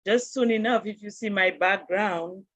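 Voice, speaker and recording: A woman hosts an online interview, greeting her guest and audience over a video call. Her mid-range voice moves at a moderate pace with a fairly bright tone. The video-call audio is dull and dry, with no echo.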